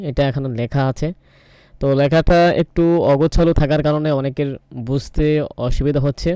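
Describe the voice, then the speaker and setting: A man calmly explaining a religious cleansing ritual step by step, pausing often with fillers and reciting short Arabic phrases. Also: on the high side, clean tone, no room sound. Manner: unhurried, hesitant, many fillers, Arabic recitations. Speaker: ruqyah healer explaining a ritual. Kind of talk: instructional explanation.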